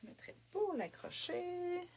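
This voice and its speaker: Quebec French woman, relaxed live crafting host, slow chatty delivery, camera sitting on her desk. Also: very high voice, background noise. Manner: chatty, thinks aloud while working, many fillers. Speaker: craft demonstrator on a live stream. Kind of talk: casual live craft demo. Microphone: camera set on the desk.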